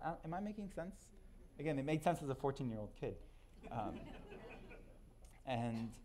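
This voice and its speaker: A man from Israel with Hebrew as his first language speaks to a live audience in a loose, conversational way, often restarting his sentences. His pitch sits in the middle range, and at times he drifts a little further from the mic. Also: dark tone. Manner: conversational, self-deprecating, halting restarts.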